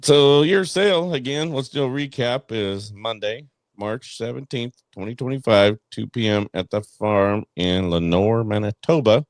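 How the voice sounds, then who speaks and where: A man hosting a podcast, chatting casually and lively, laughing often. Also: lowish voice, a little slow, hardly any pauses, no room sound, studio quality. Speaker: podcast host. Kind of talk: casual chat.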